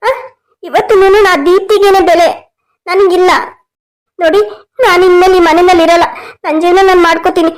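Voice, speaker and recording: A woman's voice: extremely high pitch, little pitch movement, a little fast, pauses often. A woman voicing a tearful young wife in a cartoon story, crying through hurt, pleading complaints. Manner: sobbing complaints.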